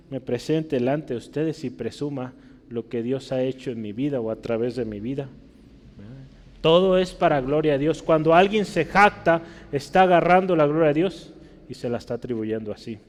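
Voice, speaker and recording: A man's voice: mid-range voice, a little mellow, big-room sound. A man with a Mexican Spanish accent preaching a conversational sermon, often checking in with his listeners. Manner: conversational teaching, frequent tag questions.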